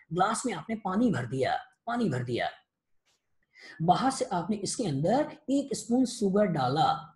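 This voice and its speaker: Lively woman teaching an online class. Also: lowish voice. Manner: repeats each point and quizzes students. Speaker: chemistry teacher. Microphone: video call.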